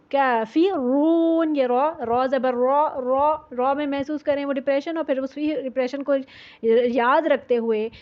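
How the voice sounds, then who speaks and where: A woman teaching Quran recitation rules, explaining patiently and repeating sounds to demonstrate them. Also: on the high side. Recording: dull lo-fi audio.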